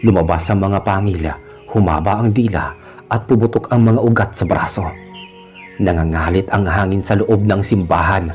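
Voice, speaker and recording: A man narrating a horror story in a measured storytelling manner. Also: sits low, a little mellow. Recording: dull lo-fi recording with faint music. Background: faint music.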